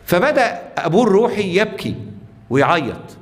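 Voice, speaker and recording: A man's voice: high voice, sing-song, a little fast, long reverb tail. A man with an Egyptian Arabic accent, a priest preaching a sermon, telling stories and putting rhetorical questions to the congregation.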